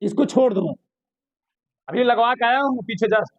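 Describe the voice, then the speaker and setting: Working problems on a board at normal speed, a very high-voiced man teaches a physics lesson, questioning his students again and again and scolding them gently. The sound is close, dry and muffled, without room echo.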